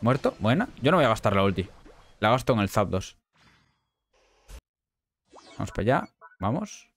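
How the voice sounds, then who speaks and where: A young man from Spain giving excitable live gameplay commentary, swinging between low muttering and sudden shouts. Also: normal speed. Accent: Spain Spanish. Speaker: gaming YouTuber.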